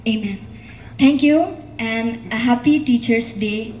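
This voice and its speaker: A young woman speaks in an earnest, formal way, as a student leading prayer at an assembly. Her voice is somewhat high and on the soft, mellow side. It carries through a roomy space. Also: takes it slowly. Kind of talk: formal scripture reading and public prayer. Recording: roomy, distant mic, faint background noise.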